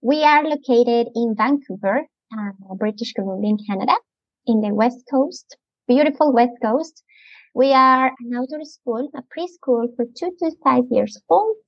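A woman from Ecuador speaks with a Latin American Spanish accent, her voice a bit high and gravelly with fry. She chats eagerly about her work as a guest, laughing along the way. The recording is dry and muffled. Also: no room sound. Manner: enthusiastic, chatty, laughs often. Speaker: outdoor preschool educator, guest. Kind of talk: casual interview chat. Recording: muffled lo-fi podcast audio.

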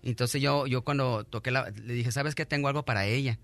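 A middle-aged man, a guest on a radio show, telling his own story in a halting, earnest way, full of restarts and thanks. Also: medium pitch, fairly even intonation, a bit bright, soft background music.

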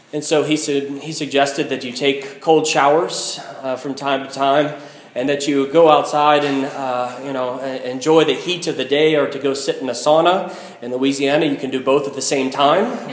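American priest, echoing in a big church. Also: male voice, on the high side. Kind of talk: liturgical Gospel reading and homily. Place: inside a large church. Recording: echoing large church hall.

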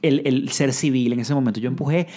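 A man with a Venezuelan accent, a singer guest on a podcast, telling a story in animated casual chat full of swearing. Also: medium pitch, fairly quick, heavy background noise.

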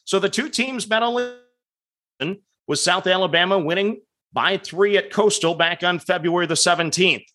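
A man's voice: sits high, pushed and bright. A man hosting a sports betting podcast, upbeat as he rattles off results and stats. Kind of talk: solo podcast recap.

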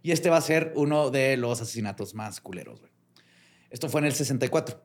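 A man's voice: mid-range voice, fast talker. A man with a Mexican accent, a podcast host narrating a story in casual chat, tagging his sentences with slang. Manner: relaxed slangy narration, ends phrases with filler slang.

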